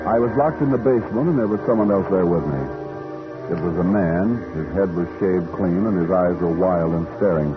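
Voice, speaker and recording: A man's voice: deep voice, brisk, lightly acted. An actor playing a tough, wry private detective, narrating his ordeal in hardboiled old radio style. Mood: tense, grim. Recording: muffled old radio recording, music behind.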